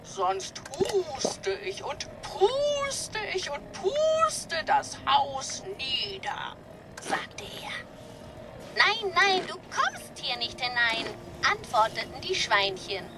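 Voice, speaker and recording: A woman's voice: very high-pitched, big pitch swings, very slow, noisy background, heavily acted. A woman voicing a prim female robot nanny with a slight robotic filter, telling a fairy tale sweetly in video game dialogue. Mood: doting storytelling. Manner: sing-song, sweetly doting storyteller.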